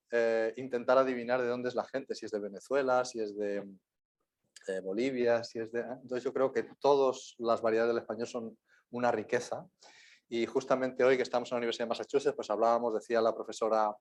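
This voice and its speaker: A man with a Spain Spanish accent, a guest lecturer answering questions in a university lecture room, rambling on with frequent tag questions. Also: mid-range voice.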